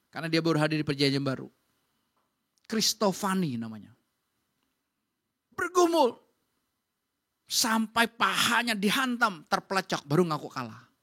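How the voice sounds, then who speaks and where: A woman pastor, preaching in a lively, colloquial way and acting out quotes. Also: mid-range voice. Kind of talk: sermon. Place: church.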